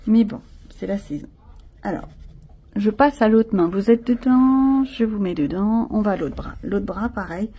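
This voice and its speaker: A coloring channel host chats casually with her viewers, thinking out loud as she colors a picture with pencils. Her voice is mid-range and dark with a breathy edge, and she speaks at a normal speed.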